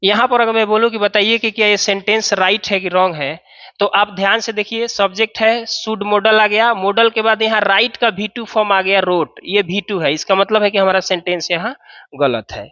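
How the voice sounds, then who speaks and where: A man's voice: high voice, steady tone, moderate pace, sharp tone, dry recording, lo-fi sound. A man teaching an English grammar lesson, explaining step by step and asking and answering his own questions.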